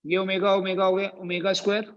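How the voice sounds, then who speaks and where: A man's voice: sits high, little pitch movement, quick pace, a bit bright. A man with an Indian accent teaching physics in a classroom, mixing Hindi and English and putting questions to his students before answering them. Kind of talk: classroom lecture. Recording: dull lo-fi classroom audio.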